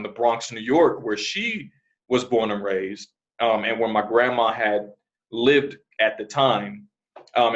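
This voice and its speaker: A man from New Jersey who grew up in Arizona, a podcast guest talking in a relaxed, rambling way with many "you know" fillers. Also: on the low side, muffled recording. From born in New Jersey, raised in Arizona. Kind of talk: casual interview.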